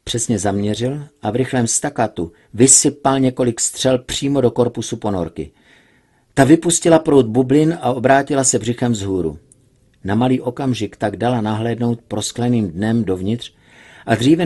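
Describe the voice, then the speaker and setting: A man reading a serialized adventure novel aloud in measured, steady narration. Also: medium pitch, husky. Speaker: reader.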